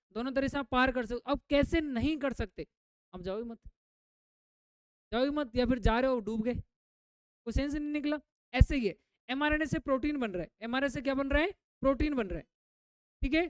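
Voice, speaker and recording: This biology lecture comes from a woman whose voice sits high, recorded without echo. Her habit is to ask the students something and then say the answer again herself, weaving English words into her teaching.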